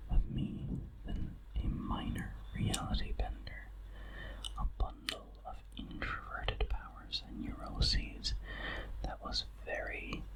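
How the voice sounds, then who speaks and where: Very slow ASMR whisper right in your ear. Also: rough recording. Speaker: narrator reading a horror story. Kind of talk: whispered ASMR story reading. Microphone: very close ear-to-ear ASMR microphone.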